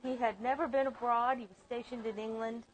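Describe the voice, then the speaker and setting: This exhibiting artist, a woman standing in an indoor museum gallery, talks about her family photographs in an earnest, reflective way. She speaks a little fast with a slightly high, steady voice, captured on a low-quality recording.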